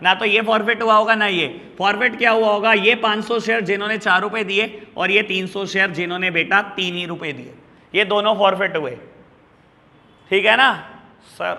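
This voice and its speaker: Man, teacher, high and bright voice, teasing, explanatory, long reverb. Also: normal speed. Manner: talks to students as "beta", mixes English terms into Hindi, teasing and explanatory. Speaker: accounts teacher. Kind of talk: classroom lecture.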